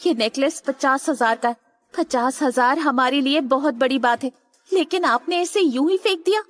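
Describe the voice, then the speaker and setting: A man's voice: extremely high pitch, normal speed, a bit bright, faint music behind, pitched above the performer's own voice. A man voicing a defiant young woman who speaks up indignantly in an audiobook story. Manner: indignant, pleading. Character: defiant young woman standing up to her grandmother. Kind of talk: audiobook character voice.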